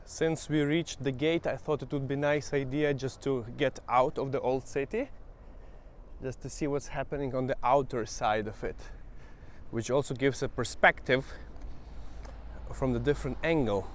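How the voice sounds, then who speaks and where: Here a Western Ukrainian travel vlogger, speaking natively in Ukrainian with a matching accent, narrates casually as he walks outdoors through an old town, showing viewers what's around. His voice sits in the mid-range, with fairly even intonation at a normal speed. There's a little hiss or hum on the recording.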